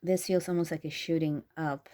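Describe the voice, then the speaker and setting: A woman giving an intuitive tarot reading, earnest and effusive, often halting with ums and breaking into laughter. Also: sits low, steady tone, dark tone. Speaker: tarot reader.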